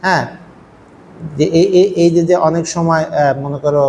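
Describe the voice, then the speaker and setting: A man's voice: a little high, fairly even intonation, moderate pace, a little mellow. A man teaching a university language class, explaining patiently and asking his students rhetorical questions. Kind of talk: classroom lecture. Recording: faint noise, long hall echo.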